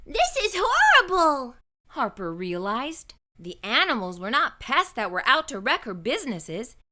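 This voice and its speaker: A woman with a mid-range voice reads a children's story aloud at a normal pace, narrating it expressively like a children's book reader.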